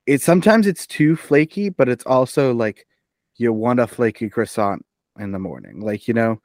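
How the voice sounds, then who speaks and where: A man co-hosting a casual podcast, his voice sitting at an ordinary middle pitch. He rambles along, filling gaps with "like" and "um". The recording is close and completely dry. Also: expressive, moderate pace, darkish tone, dry recording. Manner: rambling, filler-heavy. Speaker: podcast co-host. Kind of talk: casual chat.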